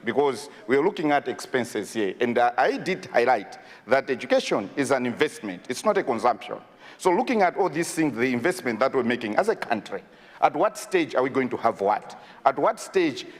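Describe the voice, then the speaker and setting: A man with a Malawian accent speaking in parliamentary debate, insistent and emphatic, repeating phrases for stress. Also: mid-range voice. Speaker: member of parliament. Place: parliament chamber. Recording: reverberant hall.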